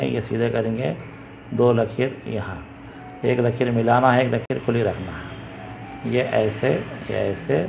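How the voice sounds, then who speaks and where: A man teaching the Urdu alphabet, sounding out each letter patiently and repeating it loudly. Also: mid-range voice, creaky. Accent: Indian Urdu. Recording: dull lo-fi recording with faint background hiss.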